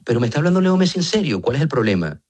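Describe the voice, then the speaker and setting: A man's voice: medium pitch, very animated, rapid-fire, darkish tone, slightly rough. A Venezuelan man with a Venezuelan accent on a phone call, flustered and half-laughing as he pleads his case. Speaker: prank call target.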